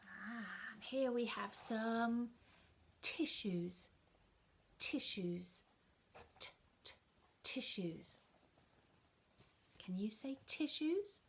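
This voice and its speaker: A woman teaching a children's phonics lesson, sounding out letters slowly and coaxing listeners to repeat words. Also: a little high, slight background noise.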